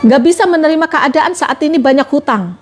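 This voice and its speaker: High-voiced woman preaching on a live stream. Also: expressive, brisk, soft background music. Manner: repetitive rhetorical questioning. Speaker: religious speaker on a live stream. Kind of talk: live-stream religious talk.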